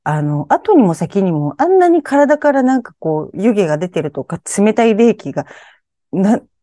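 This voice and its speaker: A woman's voice: mid-range voice, very animated, moderate pace, mellow, dry recording, clean studio sound. A woman telling her own strange, eerie experiences in conversation, animatedly acting out her startled reactions.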